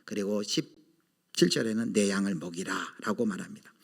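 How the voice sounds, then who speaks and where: Middle-aged pastor man preaching, gets loud then drops to a hush, keeps asking the church questions. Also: on the low side, normal speed, vocal fry, breathy edge. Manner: preacher with dramatic swings from loud bursts to hushed asides; asks the congregation rhetorical questions. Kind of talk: sermon.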